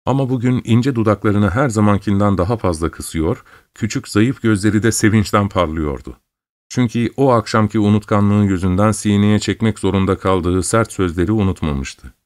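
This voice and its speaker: A man narrating a story in a measured, steady reading. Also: lowish voice, no room sound, clean studio sound. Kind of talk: audiobook narration.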